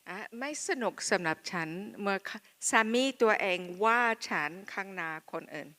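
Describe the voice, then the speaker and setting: A woman who is not a native speaker of Thai gives a personal testimony as a missionary speaker, speaking in short, halting phrases of simple Thai and pausing for an interpreter. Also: mid-range voice, fairly bright tone.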